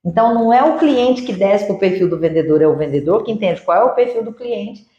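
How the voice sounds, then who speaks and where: Woman, sales mentor, teacherly and energetic, middle pitch, echoey room. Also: brisk, muffled recording, slight background noise. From Uberlândia, Minas Gerais, Brazil. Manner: energetic, teacherly, acts out sample dialogues. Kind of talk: didactic interview answers.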